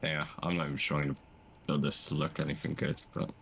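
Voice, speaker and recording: A man's voice: extremely low pitch, little pitch movement, a little fast, gravelly, a bit bright, a little hiss or hum. A man talking casually with friends while playing a building game, giving short dry replies. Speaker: co-player. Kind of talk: casual multiplayer game chat.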